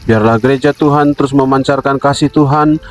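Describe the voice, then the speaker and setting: A man's voice: mid-range voice, fairly even intonation, faint music behind, rough recording. Solemn man leading a devotional. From Indonesia. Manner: solemn, measured, addresses listeners as brother. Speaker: devotional speaker.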